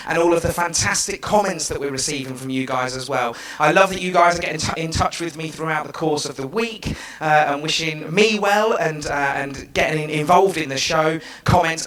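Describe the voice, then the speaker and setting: A man's voice: on the high side, a bit bright, roomy sound, poor audio. A man presenting a live online children's show in an upbeat, gushing way, repeating words for emphasis.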